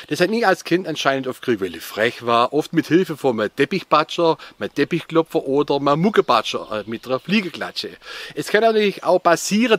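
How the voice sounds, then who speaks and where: A man's voice: a little high, fairly bright tone. A man with a Swabian accent presenting an informal explainer on dialect words, addressing his viewers directly.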